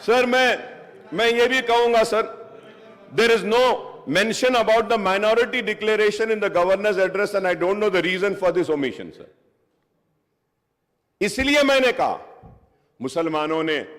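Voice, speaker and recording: Man, legislator speaking on the floor, slow, drawn-out delivery, reverberant assembly hall. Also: high-pitched, fairly bright tone. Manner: argumentative, switching between English and Hindustani.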